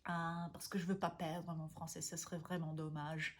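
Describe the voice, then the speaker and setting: A woman from Austria, talking casually to camera as a language vlogger, often pausing to search for words and restarting. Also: deep voice, flat delivery. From Austria (Vienna). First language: German.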